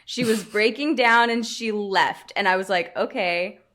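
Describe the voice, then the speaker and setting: A woman's voice: a little high, normal speed, fairly bright tone. A woman co-hosting a podcast in casual chat, rambling and laughing often. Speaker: podcast co-host.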